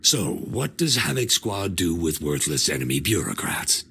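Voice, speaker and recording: Sarcastic laid-back spy, deep voice, faint background hum. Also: male voice, big pitch swings, normal speed, gravelly, pushed and bright, heavily acted. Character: sardonic male agent, dry wit.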